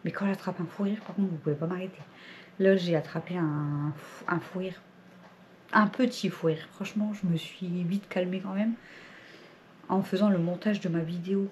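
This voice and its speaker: A woman's voice: on the low side, fairly even intonation, normal speed, darkish tone, slight background noise. A woman chatting casually to her vlog viewers at home, rambling and laughing often. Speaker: family vlogger. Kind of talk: casual vlog chat to camera.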